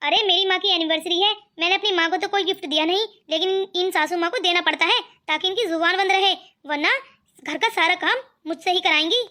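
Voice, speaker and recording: A woman's voice: very high-pitched, a little fast, sharp tone. A woman voicing a sly, clever young married woman who makes mocking asides.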